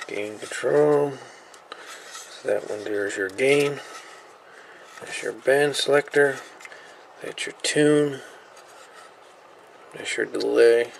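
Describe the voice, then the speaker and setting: Medium in pitch with vocal fry, this man speaks slowly and pauses often while walking through a radio gadget's insides at a workshop bench. A little hiss or hum sits under his casual, think-aloud teardown as a hobbyist reviewer, with mumbled asides.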